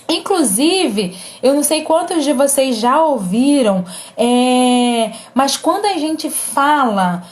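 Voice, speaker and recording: High-voiced, slow Brazilian woman. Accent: Brazilian Portuguese. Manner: gentle, reassuring, with frequent checking tags and filler pauses. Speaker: presenter giving family advice. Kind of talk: casual advice talk to viewers.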